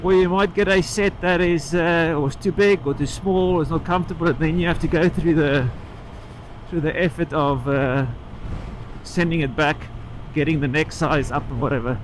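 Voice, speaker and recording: A motorcycle vlogger with a slightly high voice chats casually while riding, halting and trailing off before picking the thread back up. He's recorded on a microphone inside his helmet on a moving motorcycle outdoors, with light road and engine noise underneath.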